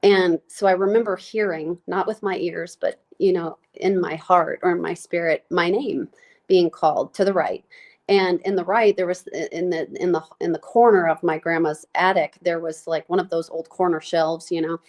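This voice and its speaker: A woman telling a deeply personal story as a podcast guest. She talks in a heartfelt, halting way with many fillers and is close to tears, her voice breaking. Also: fairly even intonation, darkish tone. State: tearful, voice breaking. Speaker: nurse practitioner guest.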